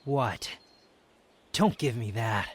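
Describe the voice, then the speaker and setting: A man's voice: medium pitch, slow, husky. A man playing a proud, prickly young wanderer who hides his affection, curt and scornful, in a scripted ASMR roleplay spoken to the listener. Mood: defensive, flustered. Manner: haughty, curt, scornful, defensive.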